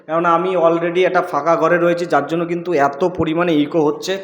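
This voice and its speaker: Man, fairly high voice, quick explaining pace, wireless clip mic, heavy echo of an empty room. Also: little pitch movement, dull audio. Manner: explains step by step, often asks "okay?". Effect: strong echo of a bare empty room. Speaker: gadget reviewer. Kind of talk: product demo video.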